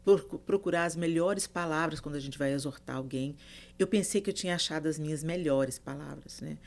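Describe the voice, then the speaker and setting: Soft-spoken woman pastor sharing a story. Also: sits low, brisk, gravelly. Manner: soft-spoken, drops to a hushed voice for quoted advice. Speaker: pastor and mentor, podcast guest. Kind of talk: earnest testimony in casual chat.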